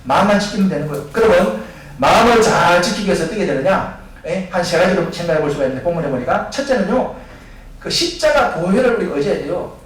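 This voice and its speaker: Quick high-voiced pastor guy preaching, keeps asking the crowd questions, big echoey church. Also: recorded from a distance. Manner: asks the congregation questions and answers them himself; acts out the voices of people in Bible stories. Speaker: senior pastor. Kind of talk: sermon. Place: church sanctuary.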